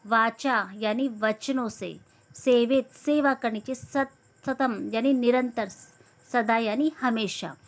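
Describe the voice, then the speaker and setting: A young woman teaching a lesson, reading each verse aloud and then explaining it word by word, sometimes correcting herself. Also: on the high side. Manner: corrects herself mid-sentence.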